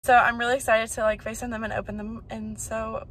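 A woman's voice: fairly high pitch, little pitch movement, fast talker, a bit bright. A twenty-year-old woman, chatting upbeat to a phone camera held at arm's length in a car and a bedroom. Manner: chatty, upbeat, filler-heavy. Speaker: vlogger. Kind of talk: casual vlog chat.

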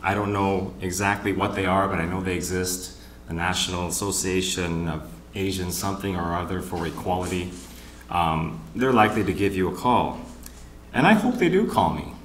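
A man moderating a panel at a conference, opening with wry, teasing jokes and pausing for laughs. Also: low-pitched, echoey room, slight background noise. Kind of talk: joking conference emcee remarks. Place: conference hall with live audience.

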